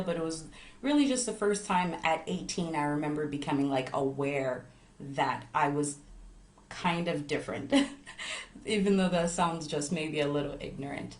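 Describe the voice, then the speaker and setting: Low and darkish in tone, this young travel creator from Montreal, Canada, rambles informally to her online audience in a chatty, personal talk. She seems nervous and slightly drowsy, and her voice echoes in the room.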